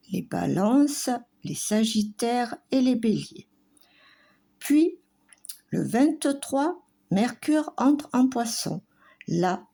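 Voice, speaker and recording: A woman giving a weekly astrology forecast, speaking in a slow, halting way with pauses and fillers. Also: medium pitch, dark tone.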